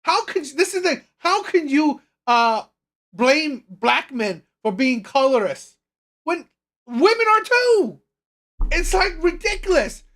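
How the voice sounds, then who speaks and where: A woman giving unscripted opinion commentary in an emphatic, repetitive way with halting restarts. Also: high voice, sing-song, fairly bright tone. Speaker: reaction video commentator.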